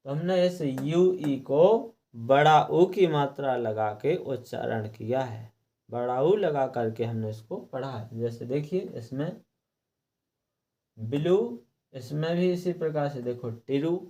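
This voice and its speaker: Male teacher, middle-aged, slow and deliberate, asks and answers his own questions. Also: mid-range voice, warm tone. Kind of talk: classroom lesson explaining English pronunciation rules.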